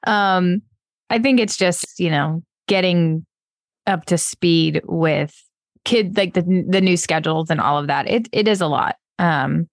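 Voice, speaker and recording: A woman's voice: lowish voice, measured pace, no echo, studio quality. A woman, around her thirties, co-hosting a podcast in a casual, conversational way. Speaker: podcast co-host. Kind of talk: casual chat.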